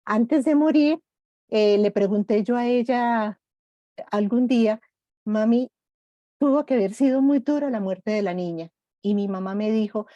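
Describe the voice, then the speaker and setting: Middle-aged woman, gentle reflective speaker, mellow tone, flat lo-fi audio. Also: mid-range voice, no echo. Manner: gentle, reflective, personal examples. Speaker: grief workshop speaker. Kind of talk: online workshop talk.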